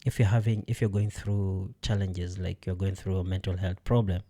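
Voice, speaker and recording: A man's voice: sits low, level tone, normal speed, dark tone. A man hosting a casual podcast conversation, speaking hesitantly with many fillers and frequent laughs. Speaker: podcast host.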